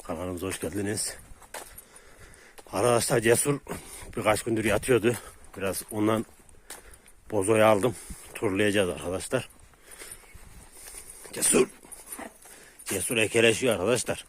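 A man's voice: fairly low pitch, moderate pace, long pauses. A man talking to his viewers while walking his dogs outdoors, breaking off to call and command them. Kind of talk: casual vlog to viewers. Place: outdoors on a walk. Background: dogs barking and outdoor noise.

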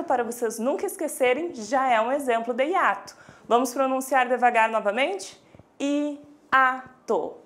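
A woman teacher with a Brazilian Portuguese accent giving a scripted video lesson, speaking lively and directly to students and drawing out syllables slowly. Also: high-pitched. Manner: clear, drawn-out syllables for pronunciation.

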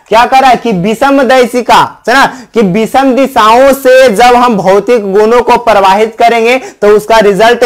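A teacher giving a chemistry lecture who keeps asking questions, answers them, and checks whether the class has understood. Terms are repeated and restated in two languages. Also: medium pitch. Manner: repetitive, explains terms twice in two languages.

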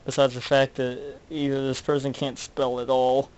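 A man's voice: medium pitch, flat delivery, normal speed, darkish tone. Melodramatic man interrogating toys. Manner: melodramatic, mock-detective, exaggerated. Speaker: channel host. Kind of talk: comedic skit talking to toys.

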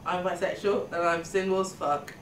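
A student union welfare officer in her twenties hosts a panel podcast in an indoor meeting room, speaking in a semi-scripted, conversational way. Her fairly low voice stays steady at normal speed. A slightly distant table mic picks up room echo and background noise.

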